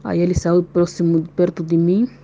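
Woman, dark mellow voice, steady detailed account, lo-fi voice note. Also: fairly low pitch, moderate pace. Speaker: prisoner's wife giving testimony. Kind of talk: recorded voice-message account. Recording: dull lo-fi voice note, faint noise.

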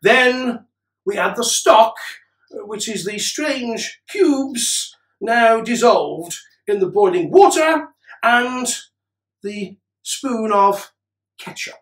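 A middle-aged man playing a pompous King Henry VIII as a cookery demonstrator, with archaic, deliberate phrasing and dramatic pauses, recorded in a room from a distance. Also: very high voice, animated, fairly bright tone, exaggerated voice. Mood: stately, instructive. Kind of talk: mock-Tudor cookery demonstration to camera. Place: indoor room with cloth backdrop. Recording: roomy, distant camera microphone.

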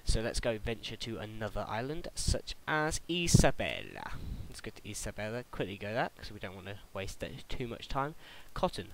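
A man's voice: lowish voice, sing-song, moderate pace, few pauses, fairly bright tone, a little hiss or hum, poor audio. Young British man with a chatty delivery. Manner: chatty, stumbles and restarts, laughs at own slips. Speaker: gaming tutorial host. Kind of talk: casual game tutorial voice-over.

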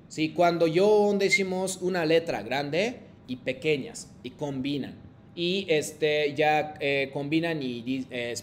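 A man's voice: fairly high pitch, a little hiss or hum. Patient man teaching a language lesson. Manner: patient, checks understanding with frequent "¿sí?"; hesitant phrasing with many fillers. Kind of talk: language lesson with call-and-repeat drills.

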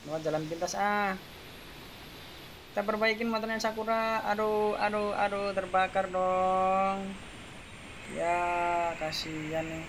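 Brief: male gaming YouTuber, high voice, keeps exclaiming over loud game effects. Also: slow pace, long pauses, background noise. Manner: excitable, exclaiming and repeating himself. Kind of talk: excited gameplay commentary.

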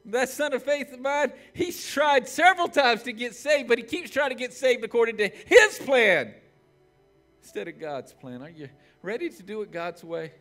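A male pastor in his forties preaching with a high, ringing voice. He pushes hard on his points and then drops to a hushed tone to pray. Faint music sits underneath him on the church stage. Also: expressive, moderate pace. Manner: impassioned, swings from shouting to hushed prayer. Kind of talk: sermon.

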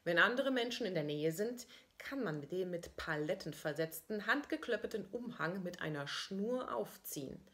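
A woman with a fairly low voice reads her own diary-style prose, keeping her delivery wry and deadpan. The tone is that of an author performing her own text. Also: moderate pace. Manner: dry, ironic storytelling. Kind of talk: first-person diary-style story reading.

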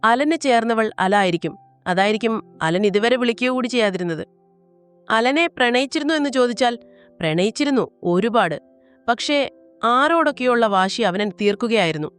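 A woman narrating a romantic story in a soft, even reading voice. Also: on the high side, normal speed, smooth. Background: faint music.

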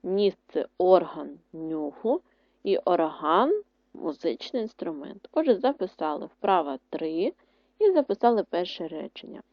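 Woman teacher, primary lesson, lively up-and-down pitch, slow careful dictation, dry dull lo-fi sound. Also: no room sound. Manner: slow, clear dictation with stressed syllables. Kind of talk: online lesson explanation.

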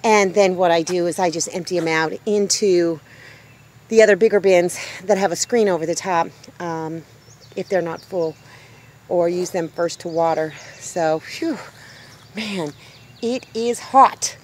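A woman's voice: lowish voice, measured pace. A woman in her fifties talking casually to a handheld camera about her garden, upbeat and chatty. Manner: chatty, upbeat, exclaims at small discoveries. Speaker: homesteading vlogger. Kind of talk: casual outdoor vlog. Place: outdoors in a rural yard by a tiny house.

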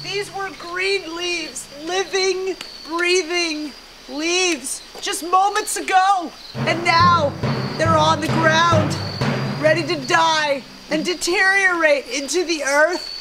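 A woman's voice: very high voice, fairly even intonation, music in the background. A middle-aged woman playing a self-important, overwrought TV storm reporter in a spoof live weather report, stretching her words for drama. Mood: grave, urgent. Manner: overwrought, drawn-out dramatic emphasis. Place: outdoors at night on rainy driveway. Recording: rain noise outdoors, camera mic. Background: rain falling.

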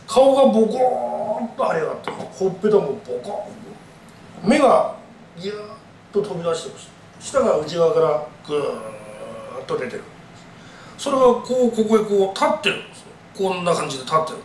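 A man's voice: high-pitched, big pitch swings, normal speed, a little hiss or hum. A man telling a ghost story live on stage in a dramatic way, acting out the voices of the people in it. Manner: dramatic, acts out voices and gasps. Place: live event venue. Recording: echoey room from far off.

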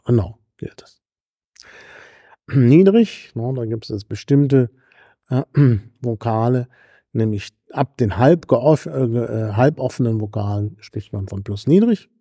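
German guy lecturing, super mellow low-toned voice, lots of ums and throat clearing, dry close sound. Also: no echo. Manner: frequent fillers, throat-clearing and self-corrections; tag questions ("ne?") to students. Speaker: university lecturer. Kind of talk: university lecture.

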